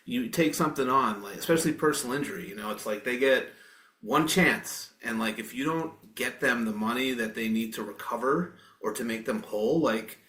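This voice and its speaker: A man in his forties hosting a podcast interview, chatting loosely and circling back on himself with fillers and restarts. His voice sits at an average pitch and carries a noticeable room echo around it. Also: moderate pace, fairly bright tone. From Maine. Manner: rambling, frequent fillers and self-corrections. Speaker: podcast host. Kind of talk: casual interview chat. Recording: roomy echo.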